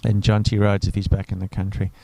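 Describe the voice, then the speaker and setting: Male cricket commentator, low mellow voice, dry close sound, rambling and chatty. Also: completely flat delivery, fast, dry recording, low-quality recording. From South Africa. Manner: chatty, rambling, enthusiastic asides. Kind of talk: live sports commentary.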